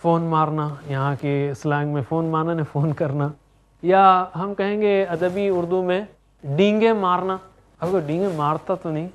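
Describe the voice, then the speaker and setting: A man teaching Quranic Arabic in an animated classroom lesson, chanting verb conjugations in a steady rhythm and urging his students along. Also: fairly high pitch.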